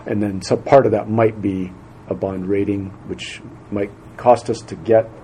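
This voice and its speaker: Low-voiced man chairing a meeting. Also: steady tone, dark tone, slight background noise, poor audio. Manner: halting, many fillers and restarts. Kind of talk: casual meeting talk.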